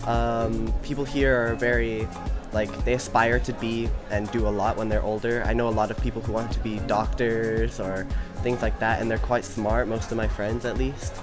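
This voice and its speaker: Young male student testimonial, relaxed, low pitch. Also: normal speed. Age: young adult. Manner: casual, hesitant with fillers. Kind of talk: interview testimonial. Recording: loud music under voice.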